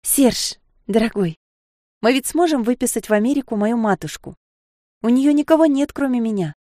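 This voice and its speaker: A woman's voice: on the high side, expressive, normal speed, warm tone, no room sound, clean studio sound, pitched above the performer's own voice, natural voice. A woman voicing a naive sixteen-year-old maid, dreamy and tearful, who chatters in a breathless, pleading way.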